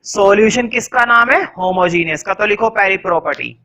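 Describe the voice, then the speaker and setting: A young adult man teaching a science class, quizzing students and slowly dictating notes word by word. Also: high-pitched, pushed and bright, rough recording. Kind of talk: classroom lecture in Hindi with English dictation.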